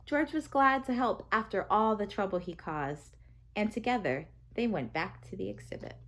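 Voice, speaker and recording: A medium-pitched woman narrates a children's picture book out loud, using an expressive and deliberate storytelling manner.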